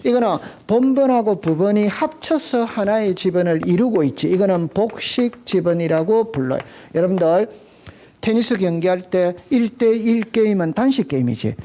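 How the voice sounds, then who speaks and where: A male lecturer with a high but mellow voice leads a classroom drill. He repeats key terms, asks quick check questions, and cues students to answer aloud together. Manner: drills students with call-and-response, prompting "시작". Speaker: real estate exam lecturer.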